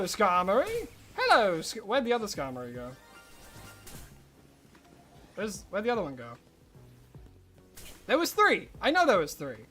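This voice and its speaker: Chatting casually while gaming, an Australian streamer rambles excitably and breaks into high squeals of surprise.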